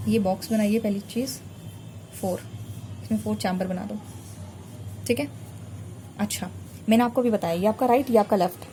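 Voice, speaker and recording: A woman's voice: a little high, mellow, slight background noise. A woman teaching a biology revision lesson while drawing a diagram, patiently repeating terms so students remember them. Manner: patient, repeats terms to drill memory tricks. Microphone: recorded while drawing a diagram on a board.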